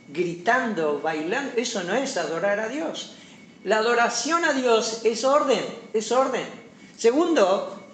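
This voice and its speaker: A male pastor with a Paraguayan Spanish accent preaches emphatically, his voice swinging from loud peaks to quiet drops. The sound is roomy and echoey, with a faint hum underneath. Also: sits high. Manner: emphatic preaching, voice rising and dropping sharply. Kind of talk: sermon.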